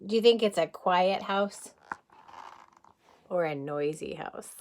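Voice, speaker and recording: A kindergarten teacher with a lowish, slow voice reads a picture book aloud to young children over slight background noise. She tells the story expressively, chuckling often, and stops to ask the kids questions and explain words in simple terms.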